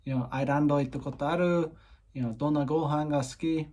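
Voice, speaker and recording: Talking fast in a somewhat high, darkish voice with fairly even intonation, a man from Ireland shares dating advice in a loose vlog style. Heavy on "you know" fillers, he also drops in basic Japanese phrases and explains what they mean.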